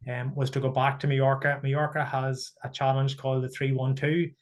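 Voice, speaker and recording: A man from Ireland, a guest speaker talking in an earnest, steady, reflective way over a video call. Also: medium pitch. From Northern Ireland. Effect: heard over a video call. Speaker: guest speaker sharing his story. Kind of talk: casual talk on a webinar.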